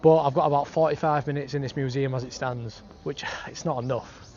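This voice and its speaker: The speaker is a British travel vlogger talking brisk and casual to his camera in city streets and a park. His voice is medium-pitched, steady and darkish, his wording laddish and slangy. Audio is dull and lo-fi, with street noise around him.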